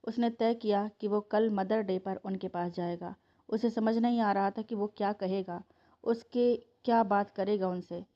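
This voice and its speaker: A woman reading a family story aloud as scripted narration, in a steady, emotive storytelling manner. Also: mid-range voice, a little slow, muffled recording.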